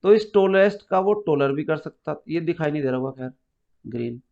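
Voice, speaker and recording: A man's voice: on the high side, lively intonation, normal speed, creaky, darkish tone. A man teaching an English grammar lesson to a class, explaining step by step and quizzing his students. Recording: muffled lo-fi recording.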